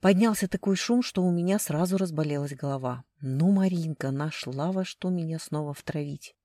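A woman narrating a first-person novel in a dry, ironic and expressive way. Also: on the low side, dry recording. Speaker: audiobook narrator.

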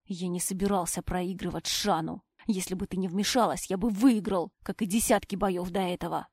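A young male werewolf alpha, drained and furious, who hisses his words low and tense, as a woman reader puts him on. His voice drops lower and softer than the narration around him. The reading sounds dry and close. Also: steady tone, moderate pace, breathy edge, dry recording. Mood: angry.

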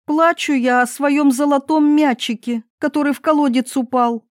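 Woman doing a spoiled young princess, storybook, high bright exclamations, eager, dry close recording. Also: steady tone, moderate pace, dry recording, lightly acted. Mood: pouting.

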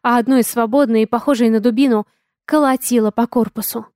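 A woman with a fairly high voice narrating a first-person audiobook. She reads expressively and makes the drama of the story come through. The recording is close and dry, with no room sound. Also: fairly even intonation, brisk, darkish tone, no room sound.

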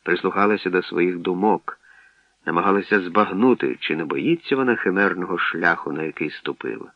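A man narrating an audiobook in a calm, measured storytelling manner, on a dull lo-fi radio recording. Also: low-pitched, no echo.

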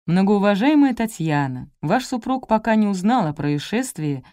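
A woman voicing a young man, a brisk and businesslike best friend, in an audiobook. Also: medium pitch, very animated, mellow, no room sound, studio quality, close to an everyday voice. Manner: brisk, matter-of-fact.

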